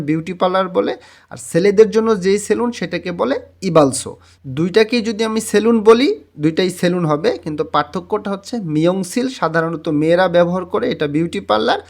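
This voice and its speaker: Guy teaching words, says each one twice slow, kinda high voice. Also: vocal fry. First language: Bengali. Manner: repeats each word twice, slow and drawn out. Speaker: Korean language teacher. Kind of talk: textbook vocabulary lesson.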